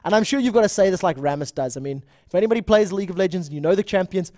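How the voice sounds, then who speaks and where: A young esports shoutcaster with a South African accent casts a live online game, chatty and rambling, correcting himself and greeting viewers from the chat. His high voice is a little mellow, very fast, and lively in intonation, with studio quality and no echo.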